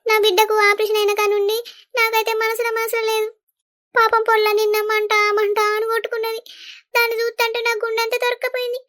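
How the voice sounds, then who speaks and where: A cartoon grandmother, played by a woman, fretting over her family. The voice is very high, fast and bright, with a plaintive pull to it. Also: fairly even intonation. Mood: sorrowful. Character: worried grandmother, soft-spoken village woman. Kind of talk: animated village comedy voice acting.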